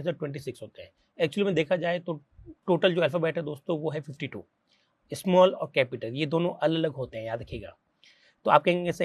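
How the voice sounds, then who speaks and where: A man's voice: a little high, no echo. Indian man teaching, dry close sound. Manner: conversational, poses questions and answers them in students' voices. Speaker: programming teacher. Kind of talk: classroom-style tutorial explanation.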